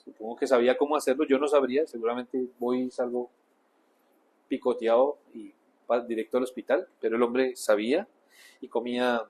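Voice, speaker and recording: A man with a Colombian Spanish accent preaching a sermon in church, in a conversational way that swings between loud emphasis and quiet asides. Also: medium pitch, slightly rough. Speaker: pastor.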